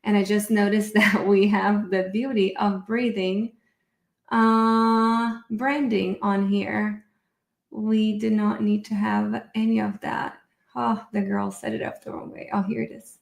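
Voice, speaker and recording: In an echoey room, a woman speaks at a medium pitch with a level, gravelly tone and an unhurried pace. She grew up in Brazil and works as a therapist, and here she hosts a relaxed live online presentation, upbeat and talkative while thinking aloud about getting her screen sharing to work.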